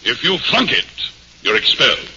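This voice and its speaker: An actor playing a pompous, hemming, officious college dean in a 1940s radio comedy. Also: male voice, mid-range voice, big pitch swings, normal speed, sharp tone. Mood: flustered, officious. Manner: hemming, throat-clearing, officious. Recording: muffled, faintly hissy 1940s radio recording.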